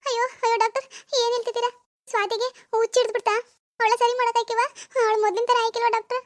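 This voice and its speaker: A distraught mother in a cartoon pleads and wails in a very high, strained voice, as a woman puts her on. She begs the doctor tearfully for her daughter, talking quickly. The sound is dry and close. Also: little pitch movement, dry recording. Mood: pleading. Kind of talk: Kannada cartoon voice acting.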